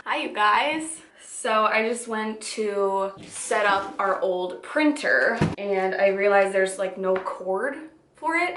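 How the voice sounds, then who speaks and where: A woman in her twenties talks in an informal, chatty vlog style. Her pitch sits in the middle range for a woman, and the room around her adds a clear echo. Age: 20s. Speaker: vlogger. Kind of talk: casual personal vlog chat. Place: indoors at home, echoey room. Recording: echoey, roomy home recording.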